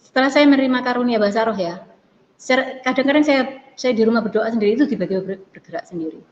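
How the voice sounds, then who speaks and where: A woman giving an earnest, animated personal testimony in an interview, often restarting her sentences. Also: on the high side, quick pace. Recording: dull lo-fi sound with long reverb and faint noise.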